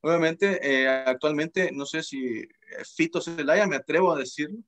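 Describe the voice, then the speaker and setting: A man from El Salvador, a guest in a casual panel chat over a video call, speaking hesitantly with frequent pauses to find his words. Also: fairly high pitch, fairly bright tone. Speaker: guest commentator.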